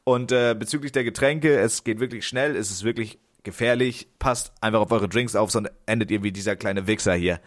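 A man's voice: on the low side, brisk, hardly any pauses, no room sound, clean studio sound. A young man co-hosting a podcast, telling rambling stories in loose slang. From northern Germany. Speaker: podcast co-host. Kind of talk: casual chat.

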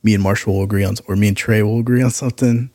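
A man's voice: on the low side, steady tone, very fast, darkish tone, no echo, clean studio sound. A man co-hosting a podcast, chatting casually and reflectively with everyday slang. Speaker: podcast co-host. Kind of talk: casual chat.

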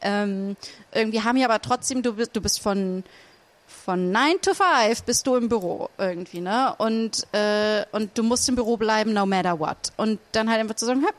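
A woman's voice: mid-range voice, moderate pace. A woman in a casual podcast discussion, thinking aloud with many fillers and restarts.

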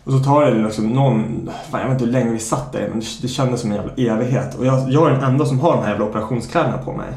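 A man hosting a casual podcast chat, talking in a middle-pitched voice. He tells the story loosely, swears freely and acts out quoted lines. The recording carries a noticeable roomy echo. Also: vocal fry, few pauses, a little mellow. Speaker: podcast host.

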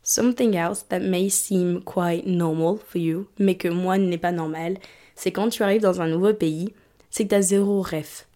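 Mellow-voiced young woman switching French and English. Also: on the low side, steady tone, measured pace. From England. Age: 20s. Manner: switches between French and English mid-sentence; candid, conversational. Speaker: vlogger. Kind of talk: personal monologue to camera.

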